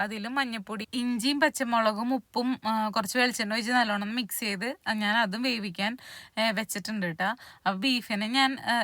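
A woman, chatting casually through a home vlog with drawn-out fillers. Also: on the high side, bright, forceful tone, no echo, clean studio sound. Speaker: vlogger. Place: home, kitchen and yard.

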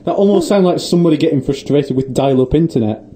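A man's voice: fairly high pitch, fast talker, dark tone, a little hiss or hum. A young man co-hosting a student radio show, making amused, offhand remarks. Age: young adult.

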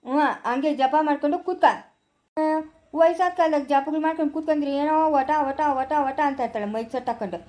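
A woman's voice: sits high, fairly quick, darkish tone, close to an everyday voice. A woman playing an impatient grown daughter who scolds and mocks, with a rural Chikkaballapura Kannada accent. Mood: scolding. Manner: scolding, mocking.

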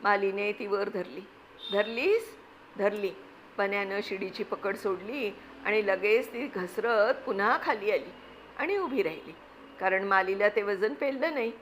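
A woman reading a children's adventure story aloud, with expressive, lively narration. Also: mid-range voice, moderate pace, slight background noise, rough recording. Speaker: reader.

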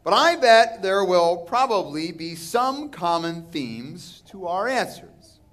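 Preaching earnestly from a church pulpit, a Texan man in his thirties speaks slowly in a high, very animated, slightly bright voice. His emphasis rises and falls as the pastor addresses a large indoor sanctuary through the pulpit microphone.

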